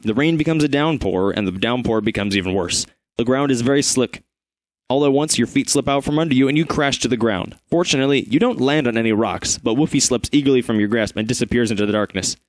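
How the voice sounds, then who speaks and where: A man narrates an adventure gamebook for his friends, breaking off for casual asides and quick corrections. His voice sits at a middle pitch and the recording is dry and close. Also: dry recording. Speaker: host and narrator. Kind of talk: reading an adventure book aloud.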